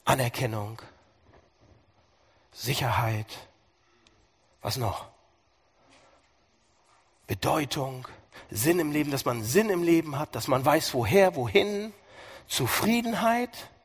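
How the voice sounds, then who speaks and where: A man preaching a sermon, animated and sarcastic, asking his listeners questions as he goes. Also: medium pitch, takes it slowly, long pauses, slightly rough.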